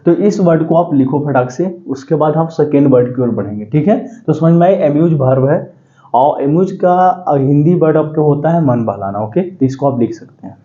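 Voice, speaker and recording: A man teaching exam vocabulary in a lecture, repeating key words slowly and quizzing his students. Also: on the high side, highs cut off. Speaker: English teacher.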